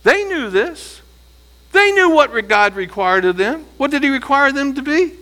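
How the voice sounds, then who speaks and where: Animated bright-voiced man preaching a sermon. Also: very high-pitched, normal speed. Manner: animated, rising to near shouting at emphatic points; rhetorical questions to the congregation.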